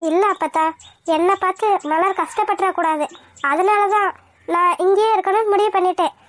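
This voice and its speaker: A woman voicing a young pregnant wife in a cartoon, speaking in a gentle but firm, earnest way. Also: very high-pitched, brisk, no echo. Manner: earnest, calmly insistent. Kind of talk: cartoon voice acting.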